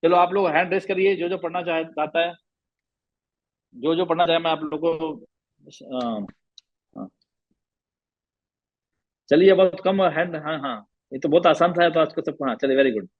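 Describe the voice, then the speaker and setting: A man's voice: a little high, normal speed, long pauses, dry recording, muffled recording. A man teaching recitation rules to a class, patiently repeating sounds and asking questions.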